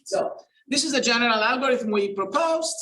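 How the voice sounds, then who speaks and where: Speaking a little fast in a very high, pushed, bright voice with lively intonation, a Greek man delivers a casual conference keynote as a researcher. He keeps correcting himself, restarting, using fillers, and poking fun at himself. Slight background noise mixes with the roomy, far-off hall sound.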